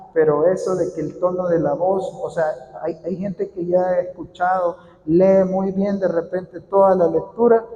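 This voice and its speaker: A man with a fairly high but warm, mellow voice leads a casual workshop for church readers. He repeats his key points and turns to questions from the room as he goes. The sound rings out with the long reverb of a large hall. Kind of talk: informal instructional talk to a group.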